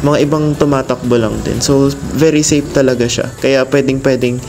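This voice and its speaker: A man's voice: mid-range voice, steady tone, moderate pace, darkish tone, slight background noise. A man casually narrating a running vlog in a hesitant, unscripted way, searching for his words.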